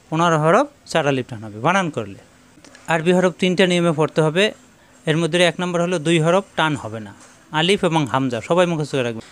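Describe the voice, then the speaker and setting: Clear-voiced man teaching Arabic letters. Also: on the high side. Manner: spells out letters slowly and repeats drills. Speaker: Quran reading teacher. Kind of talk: spoken lesson on Arabic letters.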